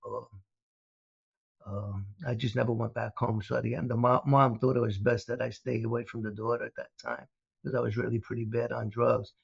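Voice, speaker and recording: A former mobster turned speaker, this older Brooklyn, New York man recounts his life in a rambling storytelling interview, full of "uh" fillers and restarts. His mid-range voice is flat, a little fast, creaky and edged with breath. The dry recording sounds dull and lo-fi.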